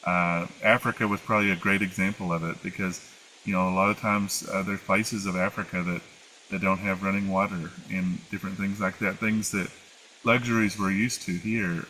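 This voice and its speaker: A man's voice: low-pitched, little pitch movement, moderate pace, sharp tone, a little hiss or hum, rough recording. An American man with an Appalachian accent, answering interview questions in a casual, rambling and somewhat hesitant way. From United States. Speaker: interview guest, former flight attendant. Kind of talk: casual conversational storytelling.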